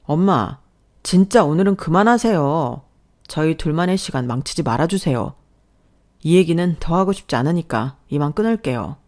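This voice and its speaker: Woman reading young husband, firm, low-ish calm voice, holds his ground. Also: normal speed. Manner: firm, restrained.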